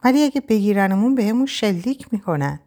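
A woman's voice: medium pitch, animated, warm tone, pitched above the performer's own voice. A woman voicing a frightened young Frenchwoman who stubbornly refuses to run, her lines anxious and insistent, in an audiobook.

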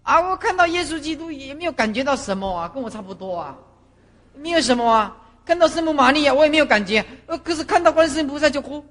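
A middle-aged woman, a Buddhist master lecturing monastic students and telling stories with lively acted-out scenes. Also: high-pitched, fast. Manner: animated storyteller who acts out scenes. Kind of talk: doctrinal lecture with personal stories. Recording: reverberant lecture hall.

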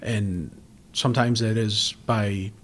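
A man's voice: lowish voice, steady tone, a little hiss or hum. A man, a police chief, speaking reflectively in an interview, with fillers and restarts. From from western New York. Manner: measured, reflective, with frequent fillers. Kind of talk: conversational interview.

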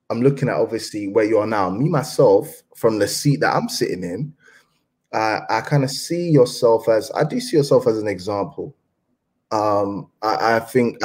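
A man hosting a casual interview, encouraging his guest with lots of quiet agreement. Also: fairly low pitch. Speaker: host.

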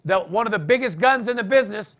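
A man's voice: sits high, lively intonation, quick pace, fairly bright tone. A man hosting a sports betting podcast, talking in a boastful, profane, hard-selling way. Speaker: podcast host.

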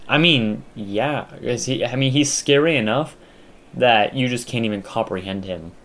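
A man's voice: medium pitch, normal speed, fairly bright tone. A young man chatting casually as a podcast co-host, rambling with lots of fillers and restarts. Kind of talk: casual chat.

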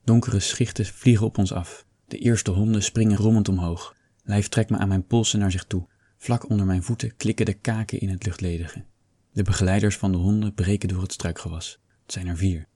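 A man narrating in a low, husky voice with a dark, mellow tone. He reads a first-person story steadily, and the close, dry recording leaves no room sound. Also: fairly even intonation, brisk, no echo. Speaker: audiobook reader.

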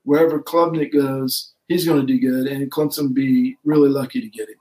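A man's voice: mid-range voice, fairly even intonation, normal speed, dark tone, echoey room, low-quality recording. A middle-aged man co-hosting a casual sports podcast, rambling and correcting himself as he goes. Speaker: podcast co-host.

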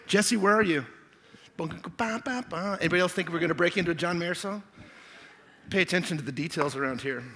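A man preaching, hoarse from losing his voice, joking and rambling through asides at the start of his sermon. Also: a little high, bright, forceful tone. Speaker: pastor. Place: church hall. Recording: long hall reverb.

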